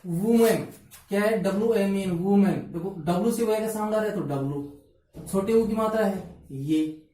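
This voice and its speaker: A woman teacher gives a phonetics lesson in a mellow, lowish voice, posing questions and answering them herself and spelling out letters. She sounds a bit distant from the mic in a strongly echoing room.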